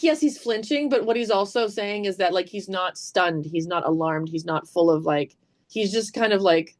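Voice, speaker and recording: A woman with a mid-range voice co-hosts a relaxed book-club podcast. She talks in an animated way, thinking out loud and peppering her sentences with "like.". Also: mid-range voice. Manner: animated, thinks aloud with many "like"s. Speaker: podcast co-host.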